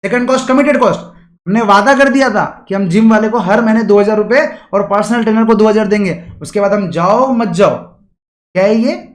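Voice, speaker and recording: A man teaches an exam revision lecture in a high, lifted voice. He keeps throwing rhetorical questions at his students and explains with everyday examples. The room around him is roomy and echoey. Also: fairly quick.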